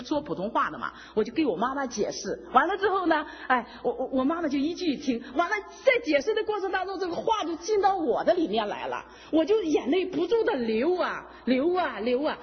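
A woman giving an emotional personal testimony, with folksy, animated storytelling full of fillers, laughing and tearful at times. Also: sits high, fairly quick, hardly any pauses. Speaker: church member giving testimony. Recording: dull reverberant hall sound.

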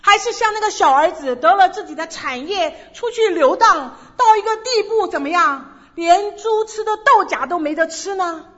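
A woman preaching an evangelistic sermon, gently asking her listeners a long string of rhetorical questions. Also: extremely high pitch, expressive, moderate pace, few pauses, lo-fi sound.

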